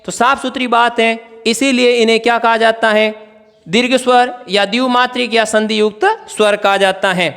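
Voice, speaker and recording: A man's voice: extremely high pitch, little pitch movement, moderate pace, fairly bright tone, clear, resonant tone, big-room sound. A male teacher giving an exam-prep grammar lesson, asking questions and answering them himself as he writes on a board. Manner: writes on a board while explaining.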